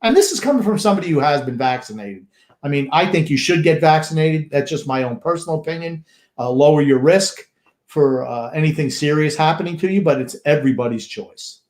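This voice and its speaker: A man's voice: a little high, animated, brisk, a little mellow, reverberant. An older man co-hosting a sports talk show, blunt and grumpy with dismissive opinions. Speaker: co-host.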